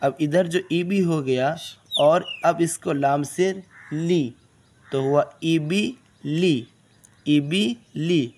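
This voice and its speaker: Slow, patient male reading teacher. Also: fairly high pitch, a little mellow. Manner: patient, asks questions and answers them himself. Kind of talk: slow step-by-step recitation lesson.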